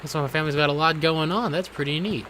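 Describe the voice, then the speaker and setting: A man in his late twenties giving casual let's-play commentary, musing quietly and sometimes bursting out excitedly. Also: on the high side, quick pace, slight background noise. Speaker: gaming video host.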